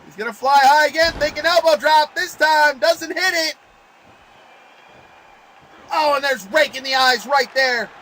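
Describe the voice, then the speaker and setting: Guy doing excited wrestling play-by-play, really high forceful voice, some noise in the recording. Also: measured pace, pauses often, low-quality recording. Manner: excitable, exclamatory wrestling-commentator delivery. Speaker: wrestling commentator.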